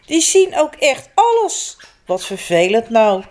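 A woman's voice: fairly high pitch, sing-song, slow pace, darkish tone. A woman voicing sheepish young children in a children's story, a bit whiny.

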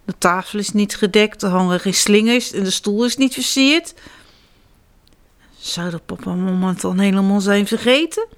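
A woman reading picture-book stories aloud to children, addressing them directly in an animated way. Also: mid-range voice, normal speed. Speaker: children's storyteller.

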